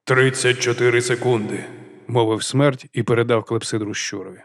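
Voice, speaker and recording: A man voicing Death, a grave, slow-spoken male skeleton in an audiobook. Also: medium pitch, steady tone, roomy sound, big-room sound, lightly acted. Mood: flat. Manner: slow, measured and solemn.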